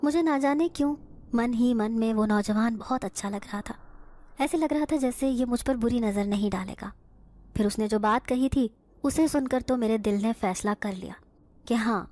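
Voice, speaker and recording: Woman storyteller, emotional first-person horror narration, slightly high voice. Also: a little mellow, no room sound.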